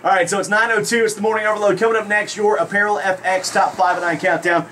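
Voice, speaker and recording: A man hosting a live radio show, giving energetic play-by-play commentary in a crowded studio. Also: high-pitched, fast, slight background noise. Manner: energetic, excitable narration.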